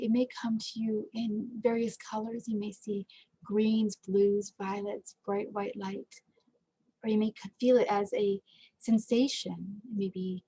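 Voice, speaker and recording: A woman leading a guided meditation in a gentle, unhurried way, with frequent fillers and pauses. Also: medium pitch, husky, rough recording.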